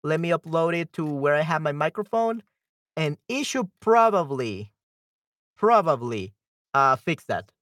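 A man's voice: on the high side, big pitch swings, measured pace, a bit bright, dry recording. A man hosting a livestream, chatting casually and hesitantly, thinking aloud as he goes, close to the microphone. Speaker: livestream host. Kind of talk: casual livestream chat, troubleshooting audio.

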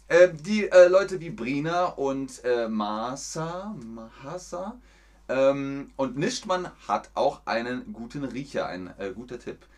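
A man hosting a live language lesson, articulating in crisp, emphatic stage German. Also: medium pitch, lively intonation, slow. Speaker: host teaching a livestream language lesson. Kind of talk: live lesson, talking with chat.

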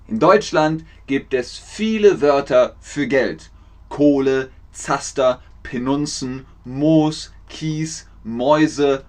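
A man teaches slang in a playful language lesson, slowly and deliberately. His slightly high voice swings widely as he repeats each word with exaggerated, theatrical demonstrations. He keeps an unhurried, animated pace.

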